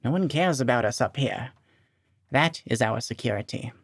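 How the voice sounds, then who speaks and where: A man's voice: medium pitch, animated, moderate pace, no room sound, clean studio sound. A man voicing a tired old war veteran with a reedy voice, guarded and blunt. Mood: weary. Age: older.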